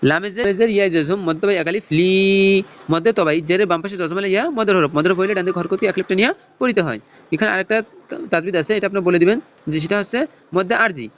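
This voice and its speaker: A man teaching Noorani Quran reading in a lesson, spelling out letters and tajweed rules in a slow teaching chant. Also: high-pitched, fairly bright tone, highs cut off. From Bangladesh.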